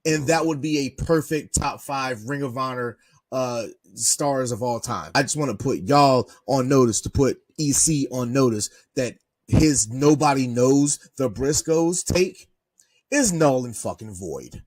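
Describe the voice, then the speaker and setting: A man's voice: medium pitch, unhurried, a little mellow, dry recording. A man giving an emphatic, cursing wrestling opinion as a guest commenter.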